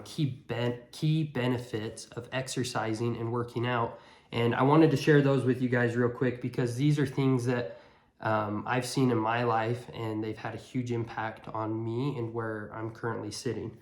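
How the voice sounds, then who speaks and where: A man giving a casual, earnest motivational monologue, speaking bluntly and repeating words for emphasis. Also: medium pitch. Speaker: motivational vlogger. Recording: echoey room.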